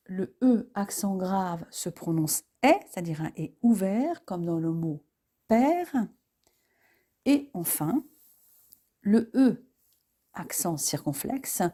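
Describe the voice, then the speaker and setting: A woman teaching French pronunciation, explaining accents and sounds slowly and carefully, with occasional hesitations. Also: lowish voice, warm tone. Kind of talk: pronunciation lesson.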